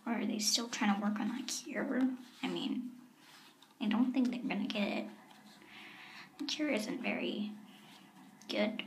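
A woman voicing a weary captive young woman whose plant powers have been numbed, talking in a hushed, sighing, drifting way. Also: a little high. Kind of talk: whispered audio-log roleplay. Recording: roomy echo.

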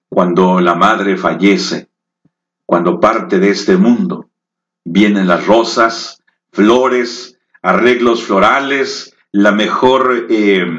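A man preaching a sermon in slow, emotive storytelling that rises into dramatic peaks. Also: lowish voice, fairly bright tone. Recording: echoey, dull lo-fi room.

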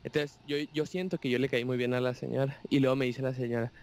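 A man's voice: mid-range voice, fast. A young man with a Mexican accent, chatting casually and acting out the voices of the people in his anecdotes. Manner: animated storyteller, acts out voices of others. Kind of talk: casual chat.

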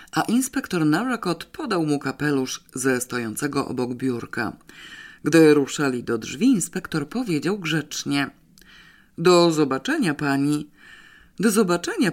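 A man reading a detective novel aloud in a steady, measured narration. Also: a little high. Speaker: audiobook narrator. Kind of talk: scripted narration.

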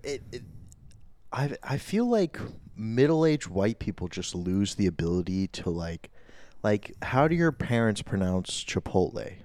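A man's voice: on the low side, sing-song, unhurried, a little mellow, dry recording. A young man co-hosting a podcast, telling stories and tossing out joking quips. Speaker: podcast co-host. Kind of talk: casual chat.

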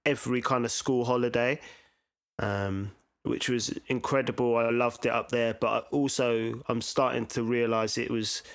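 A man's voice: medium pitch, fairly even intonation, normal speed, dry recording, clean studio sound. A man with a south London accent talking informally and reflectively about his own life as an interview guest, with slangy phrasing and lots of "you know". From England, born in south east London and grew up in Brighton.

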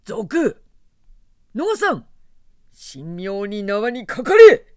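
Angry officer man yelling orders woman doing the voice, loud and commanding. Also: mid-range voice, sing-song, normal speed, dry recording, studio quality, natural voice. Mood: furious. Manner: shouting, commanding. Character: angry male officer barking orders at soldiers.

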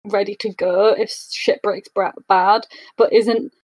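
A woman chatting casually as a player in a tabletop game, informal, animated and questioning. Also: medium pitch, slow pace, no echo.

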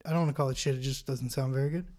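A man co-hosting a casual music podcast, talking in a relaxed, informal way. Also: mid-range voice, rapid-fire. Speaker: podcast co-host. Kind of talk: casual chat about albums.

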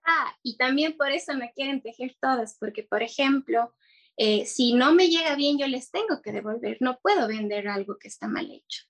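A woman's voice: sits high, lively intonation, normal speed, gravelly. A young woman chatting casually in an interview, earnest and hesitant, with many fillers and restarts. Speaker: guest entrepreneur.

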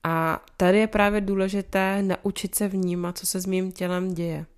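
A young woman hosting a podcast, explaining things in a calm, conversational way with many small fillers. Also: medium pitch, smooth. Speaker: podcast host, psychology topics.

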